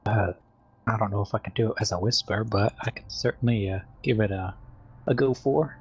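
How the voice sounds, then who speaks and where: A man's voice: on the low side, fairly quick, a little hiss or hum. A man playing a tabletop role-playing game, speaking hesitantly and joking about his own attempts. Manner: hesitant, self-deprecating. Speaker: player.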